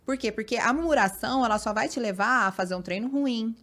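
Animated woman telling a running story. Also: on the high side, quick pace. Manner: animated storytelling, acts out quoted remarks, frequent "né" and "então, assim". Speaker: marathon runner and fitness influencer, guest. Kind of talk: casual podcast conversation.

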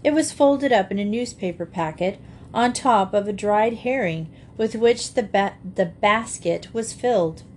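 A woman narrating a classic children's novel with steady, expressive reading. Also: medium pitch, a little slow, a little hiss or hum. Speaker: audiobook narrator. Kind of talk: storybook narration.

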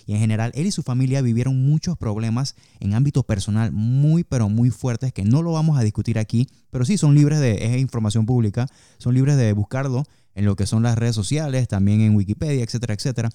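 A man's voice: medium pitch, a little fast, warm tone, clean tone, no room sound, clean studio sound. A man hosting a podcast and interviewing a guest, speaking fluently and explaining at length. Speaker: podcast host, former wrestler. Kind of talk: conversational interview.

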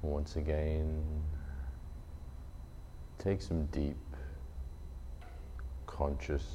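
A man leading a guided meditation in a soothing, unhurried delivery, leaving long pauses between short phrases. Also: a bass voice, flat delivery, dark tone. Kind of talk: slow guided meditation narration. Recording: muffled lo-fi, faint noise.

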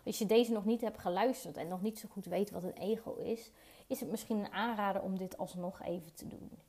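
This podcast host speaks briskly in a warm, mid-range voice with fairly even intonation. Using a podcast mic, she reflects alone on emotions in an earnest, personal way, full of fillers and repeated words.

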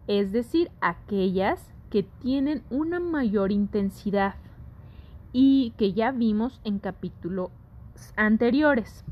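A woman teaching a scripted lesson, speaking deliberately and putting questions to her audience. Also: mid-range voice, darkish tone.

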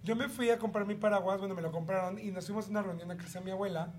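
A man's voice: sits high, rapid-fire, background noise. Mexican man telling a crude story. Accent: Mexican Spanish. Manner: animated, crude storytelling full of slang and jokes. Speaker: podcast co-host. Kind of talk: casual chat.

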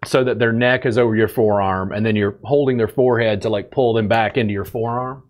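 A man hosting a casual podcast conversation, animated and blunt, swearing and acting out what other people say. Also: fairly low pitch, a little fast, dull audio. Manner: animated, swears, acts out quoted people in raised voice. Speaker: podcast host and bodywork teacher.

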